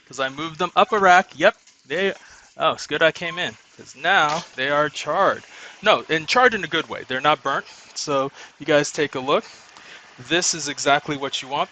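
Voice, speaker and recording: A young Nigerian home cook with a fairly high, sharp voice chats casually in his home kitchen, explaining each step as he works in this cooking video. The audio is poor, with a little hiss or hum.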